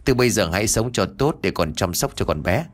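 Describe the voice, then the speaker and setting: A man voicing a slow consoling old ritual master. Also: on the low side, expressive.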